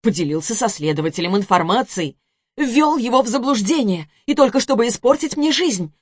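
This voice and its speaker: Женщина-чтец озвучивает вспыльчивую бывшую жену средних лет, которая громко и обвиняюще кричит. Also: female voice, on the high side, animated, fairly quick, husky, no room sound, studio quality, pitched above the performer's own voice. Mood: indignant. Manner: heated, accusing, shouting. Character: furious shrill ex-wife, middle-aged woman. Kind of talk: audiobook character voice.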